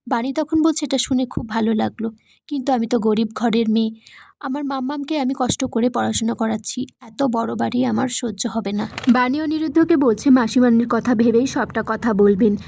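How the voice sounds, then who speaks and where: A woman's voice: a little high, creaky. Woman recapping a drama episode. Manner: steady storytelling, reads quotes in the same voice. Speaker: serial episode recap narrator. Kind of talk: reading a plot recap with quoted dialogue.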